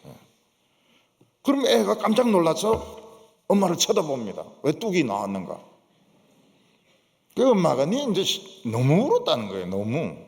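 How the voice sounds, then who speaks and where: With a fairly high, gravelly, darkish voice, a male pastor with a Gyeongsang accent delivers an emphatic sermon in a church sanctuary, full of rhetorical questions and affirming asides. Long church reverb surrounds his voice.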